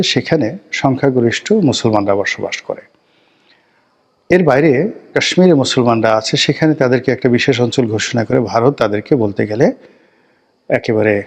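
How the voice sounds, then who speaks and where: Emphatic man giving solo political commentary. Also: mid-range voice. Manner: measured, emphatic, piles up phrases in lists with drawn-out pauses. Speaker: political talk show commentator.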